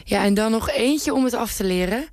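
A woman radio reporter giving scripted narration in a clear, even reading voice. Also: a little high, normal speed, no room sound, studio quality.

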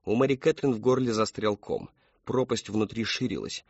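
A man reading an audiobook in measured scripted narration. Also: fairly low pitch, darkish tone, dry recording. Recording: dull dry studio read.

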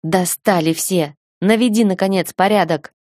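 A woman's voice: lowish voice, normal speed, a little mellow, no echo, studio quality, lightly acted. A woman voicing an exasperated young man who snaps curt orders, in an audiobook reading. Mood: fed up. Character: young man, the fiancé, blunt and fed up.

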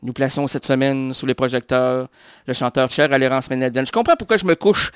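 A man's voice: mid-range voice, brisk, clear, resonant tone, no room sound, clean studio sound. A man hosting a radio show in a playful, joking, chatty way. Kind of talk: casual radio chat.

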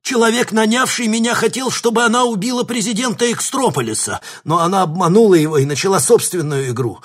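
A man's voice: lowish voice, moderate pace, slightly rough. A man voicing a frightened young male shapeshifter pleading with his captors in an audiobook. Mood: panicked. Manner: pleading, babbling.

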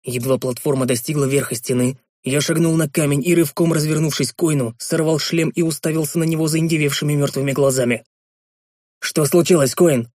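A man narrating a fantasy audiobook, switching to intense shouting in his hero's lines. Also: a little high, steady tone, fast, few pauses, dry recording, clean studio sound.

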